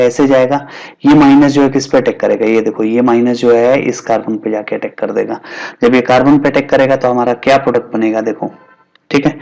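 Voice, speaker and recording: A man's voice: mid-range voice, vocal fry, darkish tone. Male chemistry teacher, mix. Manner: repeats key terms, asks and answers his own questions. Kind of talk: explaining at a whiteboard.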